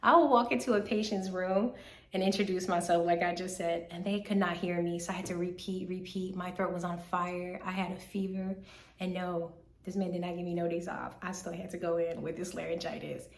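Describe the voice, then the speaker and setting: A woman in her twenties from the South, a medical student, telling a casual, animated life update in a slightly hoarse voice and repeating phrases for emphasis. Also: lowish voice, brisk, reverberant. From Southern United States. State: slightly hoarse from recent illness. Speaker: third-year medical student vlogger.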